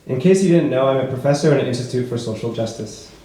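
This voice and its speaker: A man reading his own prose poetry aloud at a book launch, with a measured, rhythmic delivery. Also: mid-range voice, animated, mellow. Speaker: author reading his work. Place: bookshop event space. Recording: echoey room with faint noise.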